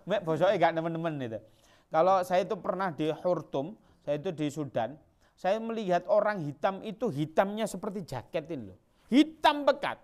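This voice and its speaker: A male preacher, giving a chatty sermon that tells stories and jumps into acted voices. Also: sits high. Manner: chatty storytelling, sudden jumps into acted voices, local slang.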